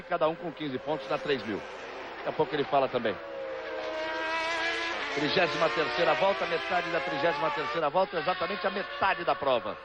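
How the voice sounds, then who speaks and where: A man with a Brazilian accent working as a motorsport commentator, calling a race live. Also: on the high side. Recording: dull lo-fi broadcast, loud engine noise. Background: loud racing cars and trackside noise.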